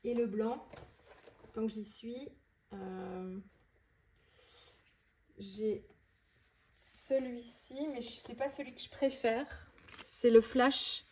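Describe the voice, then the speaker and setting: A woman vlogger chatting fast and casually about her art supplies, with many fillers and restarts. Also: fairly high pitch, steady tone, a little mellow, a little hiss or hum. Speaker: mixed-media art vlogger. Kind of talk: casual tutorial chat showing art supplies.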